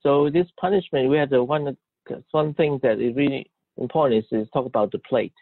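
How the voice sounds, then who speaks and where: A man interpreting a sermon live, halting and restarting often as he searches for words. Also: medium pitch, creaky, no echo. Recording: dry, tinny phone-like line.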